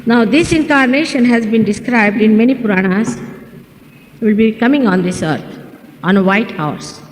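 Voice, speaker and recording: A woman, a spiritual teacher giving a measured lecture and explaining words one by one, heard in an old archival recording. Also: fairly high pitch. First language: not English. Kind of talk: slow spiritual lecture to an audience. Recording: old echoey hall recording with faint hiss.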